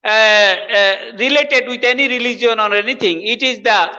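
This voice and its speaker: In this interview, a guest professor from Bangladesh, a native Bengali speaker, explains his views and leans on repeated phrases to stress his points. He speaks at a normal speed in a high, bright voice with a forceful tone. The audio sounds dull and lo-fi, with a long reverb tail.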